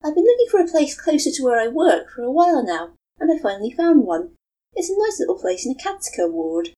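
A woman's voice: high-pitched, very animated, a little fast, voice pushed up. A woman voicing a bubbly, apologetic young woman talking on the phone. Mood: cheerful. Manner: bright, eager, self-deprecating.

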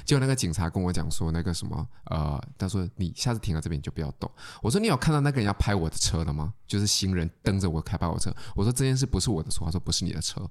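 Guy telling a story fast, voice all over the place, laughs a lot. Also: low-pitched. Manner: animated storytelling, laughs often, stammers when worked up. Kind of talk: casual chat. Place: lives in Australia.

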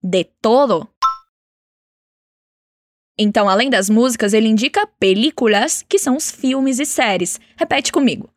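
Woman language teacher, clear and encouraging, rather high voice, dry close sound. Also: no room sound. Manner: clear, encouraging teacher's delivery, slows down to model phrases. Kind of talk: spoken language lesson with repeat-after-me drills.

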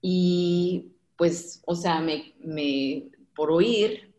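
A woman telling a personal story in casual conversation, animated and laughing often, with many fillers and restarts. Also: lowish voice, very slow. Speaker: guest.

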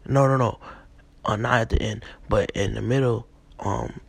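Gravelly, husky young man rambling. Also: fairly low pitch, fairly even intonation, normal speed, no echo. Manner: rambling, profane, many fillers. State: a little sick. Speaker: podcast host. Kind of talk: casual dream recounting monologue.

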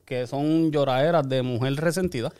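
A man's voice: mid-range voice, normal speed, darkish tone, smooth. A man co-hosting a podcast, blunt and contrarian, cutting in to argue his point. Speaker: podcast co-host. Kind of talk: casual argumentative banter.

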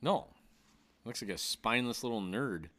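A man's voice: mid-range voice, animated, moderate pace, fairly bright tone. A man in his thirties, a podcast co-host in casual sports chat, blunt, profane and ranting. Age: 30s.

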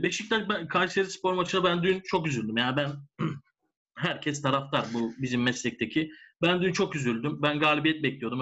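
A man's voice: medium pitch, a bit bright, highs cut off. A man in a casual sports discussion, explaining his points as a commentator and repeating phrases for emphasis. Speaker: football commentator.

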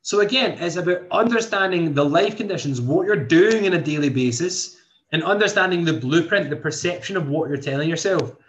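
A man's voice: a little high, lively intonation, a little fast. A man, hosting a motivational podcast in an earnest way, thinking aloud with many restarts. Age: 20s. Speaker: podcast host and coach. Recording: dull lo-fi sound.

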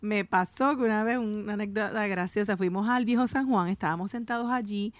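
A woman's voice: mid-range voice, fairly quick, no echo. A woman telling a casual story on a chat panel, often saying "o sea". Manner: lively, fills with "o sea" and acts out quotes. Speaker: panel guest.

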